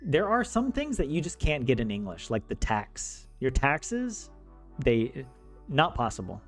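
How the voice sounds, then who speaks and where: Unhurried and full of huge pitch swings, a mid-range male voice belongs to a young American streamer who teaches Finnish. He chats casually on stream about living abroad, joking, laughing, and filling gaps with fillers and restarts as faint game music plays.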